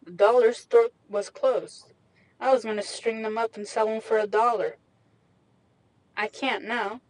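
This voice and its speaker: A woman's voice: a little high, steady tone, a little slow, dry recording, poor audio. A young woman talking casually and self-mockingly into a microphone in her small parked car, rambling in slangy talk. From Mexican heritage. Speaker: vlogger. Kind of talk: casual chat. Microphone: handheld USB microphone.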